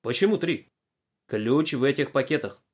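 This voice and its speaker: A man voicing Kolobok, a bun-shaped male detective in a storybook, musing slowly over his deductions. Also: medium pitch, expressive, husky.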